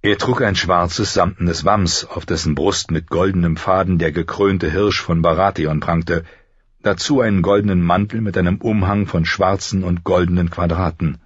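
Male audiobook narrator; very low, husky, expressive, dry close recording. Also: dry recording, highs cut off. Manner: measured, expressive storytelling. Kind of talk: scripted narration.

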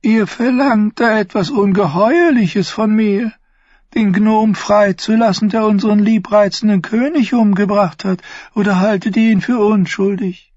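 Varys: shrill simpering eunuch. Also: male voice, unhurried, a little mellow, dry recording, muffled recording. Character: simpering high-voiced eunuch spymaster, nervous. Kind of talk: audiobook character voice.

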